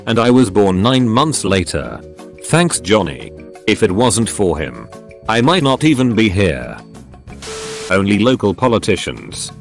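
Low-voiced man reading stories aloud. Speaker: narrator of forum posts. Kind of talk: scripted narration. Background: faint background music.

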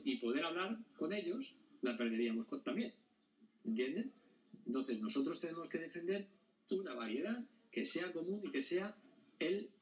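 A male teacher explains a lesson to his class and keeps checking whether the students follow. He is heard across the classroom, and the sound is dull and lo-fi. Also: medium pitch. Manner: explanatory, often checks understanding with questions. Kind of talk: classroom lecture. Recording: dull sound, mic at a distance.

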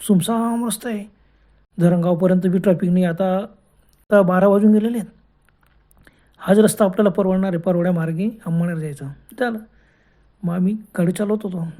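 Woman telling a spooky night-road story in a soft dark tone, easygoing and chatty, restarts mid-phrase a lot. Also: medium pitch. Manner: colloquial, unhurried retelling with restarts. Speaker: horror storyteller. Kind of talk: first-person ghost story narration.

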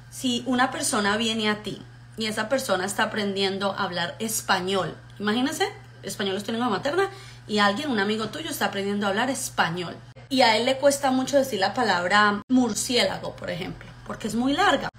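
Lively woman teaching English vocabulary. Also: on the high side, a little hiss or hum. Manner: lively, drills words slowly and repeats them; addresses learners as muchachos, checks with ok. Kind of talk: casual vocabulary lesson.

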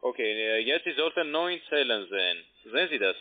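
Over a tinny phone line, a man pretending to be tech support pushes instructions in broken German with faulty word order, though English is his native language. His mid-range voice is very animated and brisk.

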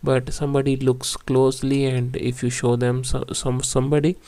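A man vlogging while wearing clear teeth aligners and in pain from them, explaining in a plain, halting way with many fillers. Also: medium pitch, little pitch movement, dark tone. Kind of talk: casual vlog walkthrough.

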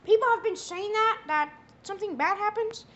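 A man's voice: a little fast, a bit bright. A young man voicing Mickey Mouse as a crude, bumbling cook in a comedy skit with a plush toy. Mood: goofy. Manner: high squeaky put-on voice, swearing, drawling.

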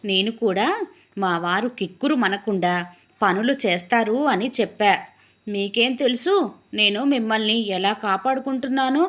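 A woman's voice: mid-range voice, normal speed, fairly bright tone, lightly acted. Woman as a sweetly teasing wife. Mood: coaxing. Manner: coaxing, innocently teasing. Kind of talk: audio story reading.

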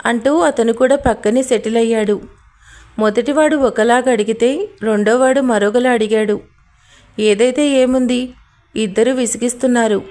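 A woman narrating a romantic audio story in a lively, colloquial storytelling manner. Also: fairly high pitch.

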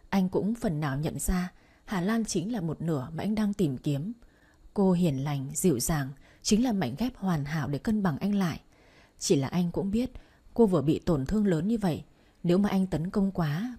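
A woman narrating a bedtime story at an even, unhurried pace. Her voice is low and mellow, with a soft breathiness. Calm and steady throughout. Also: slightly rough.

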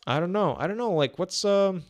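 Casting: male fight commentator, twenties, slightly high voice, native Russian with a Russian accent, casual and repetitive, close podcast mic. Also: a little fast. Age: 20s. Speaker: boxing commentator. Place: small indoor room. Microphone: close podcast microphone on a boom arm.

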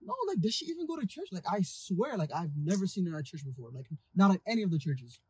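Young man playing a quick, sarcastic grumpy friend. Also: sits high, sing-song, breathy edge, no echo, full character voice. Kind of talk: amateur youth drama acting.

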